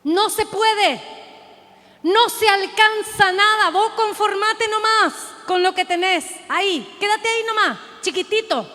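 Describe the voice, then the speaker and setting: A woman preacher voicing the mocking, belittling spirit of the enemy, in a shrill, discouraging tone with a Rioplatense Spanish accent. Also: a little slow, sharp tone, long reverb tail, exaggerated voice. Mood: taunting.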